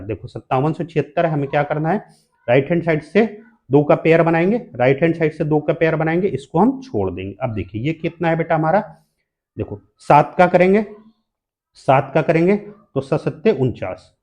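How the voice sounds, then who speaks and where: Fatherly man teaching quick maths. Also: on the high side, a little mellow. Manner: repetitive, keeps checking with "okay", calls viewers "son"; fatherly, encouraging coaching tone. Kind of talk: explaining mental arithmetic to students.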